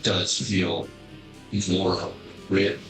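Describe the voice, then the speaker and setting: A man playing in a tabletop game, thinking out loud with hesitant restarts. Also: low-pitched, flat delivery, takes it slowly, faint music behind. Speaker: player. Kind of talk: casual chat at a game table. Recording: echoey room.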